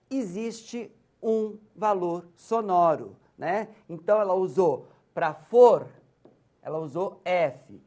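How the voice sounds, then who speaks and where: Slow, patient woman lecturer with a Brazilian accent. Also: on the low side, mellow. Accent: Brazilian Portuguese. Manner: patient and explanatory, often pointing to examples and checking in with listeners. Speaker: university lecturer. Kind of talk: recorded lecture on literacy.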